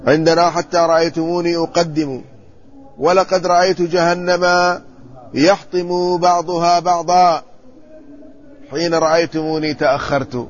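A man, an Islamic scholar, giving a measured classroom commentary on hadith and checking the text with his students. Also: fairly high pitch, flat delivery. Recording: muffled lo-fi recording with faint ambience.

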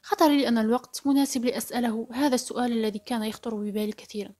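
A woman narrating a story in the first person with brisk, steady storytelling. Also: fairly high pitch. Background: faint background music.

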